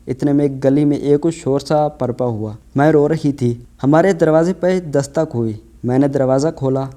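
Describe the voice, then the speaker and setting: A man narrating a moral story in the first person, reading in a steady, emotional way. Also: on the high side.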